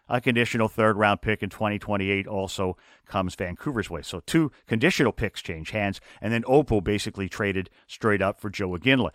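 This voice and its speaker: Fast-talking sports radio host. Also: male voice, lowish voice, a bit bright, no echo, clean studio sound. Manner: rapid rundown of hockey trades.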